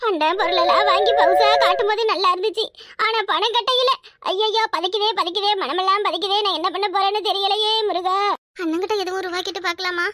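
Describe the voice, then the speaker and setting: A woman's voice: very high-pitched, quick pace, sharp tone, no room sound. A woman voicing a panicky young cartoon wife who frets aloud over her debts in a wailing monologue. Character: debt-ridden young wife, panicky and scheming. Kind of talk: cartoon voice acting.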